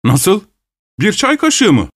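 A man's voice: high-pitched, wildly swooping pitch, slow, fairly bright tone, no echo, clean studio sound, pitched above the performer's own voice, heavily acted. A man voicing a greedy, tactless male dinner guest with a boisterous, self-satisfied manner. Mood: gleeful.

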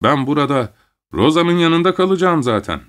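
Picture a rough, mysterious stable groom in a spoken story who barks short, blunt commands, as a male reader puts him on. His voice rides noticeably higher than the narration around him. The manner stays curt and insolent. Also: animated, moderate pace, fairly bright tone. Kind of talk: audiobook character voice.

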